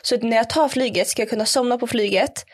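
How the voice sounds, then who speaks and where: A woman's voice: on the high side, slightly rough. A young woman chatting casually on a podcast, telling a story with lots of fillers and acted-out quotes. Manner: animated storyteller, acts out quotes in English. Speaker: podcast guest.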